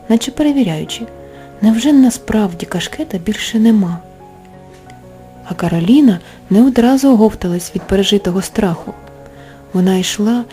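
A woman, the author, reading her own fairy tale aloud as storybook narration, expressive and animated. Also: mid-range voice. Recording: soft music underneath.

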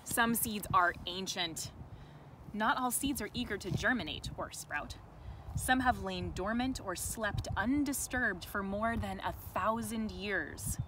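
Outside in a sunny farm garden, a woman educator with a medium-pitched voice reads a picture book to children, expressively and deliberately, adding chatty asides along the way. The camera is held by another person close by, and outdoor ambient noise fills the background.

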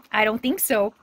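Poor audio marks this dry recording of a woman in her fifties with a voice on the high side. She's an RV travel vlogger chatting casually to the camera and sweetly to her dog. Her phone is held at arm's length as she films outdoors in the windy high desert and inside her RV.

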